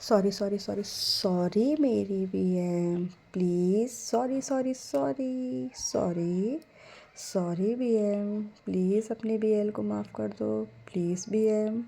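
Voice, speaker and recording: A woman's voice: medium pitch, fairly even intonation, slow, creaky, mellow, husky, full character voice. A woman voicing a moody, irritable young woman student in a spoken story, with a pleading, impatient manner. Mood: apologetic.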